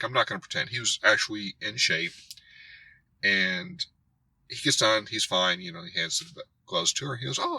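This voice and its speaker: Man, karate host, bright and raspy, fairly low voice, animated storyteller. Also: dry recording, rough recording. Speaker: karate instructor and channel host. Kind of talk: storytelling rant to camera.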